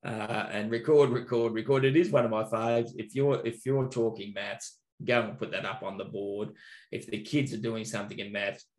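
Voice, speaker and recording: A man's voice: fairly low pitch, steady tone, normal speed. An Australian man, a teacher, telling casual anecdotes in an interview, laughing often and swearing freely. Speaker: teacher and maths trainer. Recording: roomy echo.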